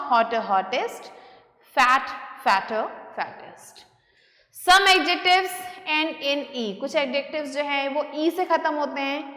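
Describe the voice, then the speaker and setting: A woman teaching a grammar lesson, reading the English exercise sentences slowly and with drawn-out words. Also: high-pitched, pushed and bright. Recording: echoey room with long reverb.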